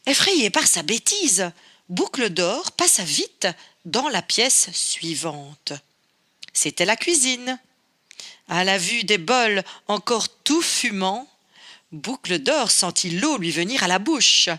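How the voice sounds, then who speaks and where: A woman reading a fairy tale aloud to children, telling it in an expressive, playful way. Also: mid-range voice, slow. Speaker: storyteller.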